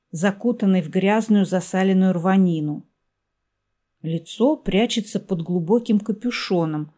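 A woman reading a story aloud in a measured, even storytelling manner. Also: on the low side. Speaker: audiobook narrator. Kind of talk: scripted narration.

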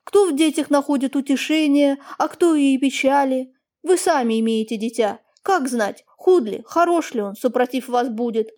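Lady doing a humble grieving old peasant guy, plaintive and fawning, a bit louder and higher. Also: expressive, moderate pace. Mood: sorrowful. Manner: plaintive, deferential. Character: older peasant man, meek, sorrowful, fawning.

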